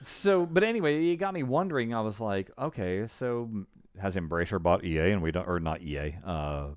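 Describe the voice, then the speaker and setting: With a lowish, clean voice and lively intonation at normal speed, a middle-aged man co-hosts a podcast, chatting casually and speculating aloud. There's no echo, as he's recorded close on a boom-arm podcast microphone in a small indoor room at home.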